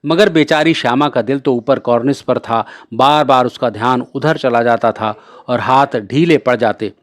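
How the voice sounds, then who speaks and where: A man's voice: mid-range voice, moderate pace, no room sound, clean studio sound. Man reading a storybook aloud. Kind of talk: storybook narration.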